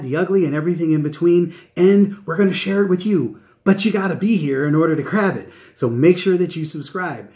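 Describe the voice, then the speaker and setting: A man's voice: a little high, darkish tone. A man hosting a channel introduction in an open, friendly, welcoming way, enthusiastic and emphatic, often checking in with short tag questions. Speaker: channel host, live event specialist. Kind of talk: upbeat promotional channel introduction to viewers.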